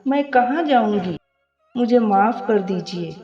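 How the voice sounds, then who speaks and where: A woman playing a remorseful young wife, tearful and pleading, at a slow pace. Her voice sits in an echoey room. The sound is slightly muffled. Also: a little high, expressive, faint music behind.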